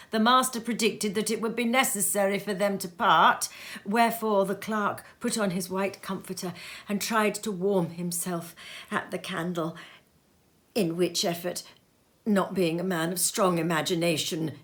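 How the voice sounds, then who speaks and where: In a mid-range voice, a woman reads a classic story to listeners from her home sitting room. The delivery is unhurried and expressive, occasionally hushed to a whisper.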